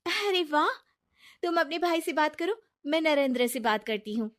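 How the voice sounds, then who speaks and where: A woman's voice: sits high, expressive, moderate pace, fairly bright tone, voice pushed up. Woman voicing a trusting, earnest young wife. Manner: earnest, reassuring talk. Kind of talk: animated storybook dialogue.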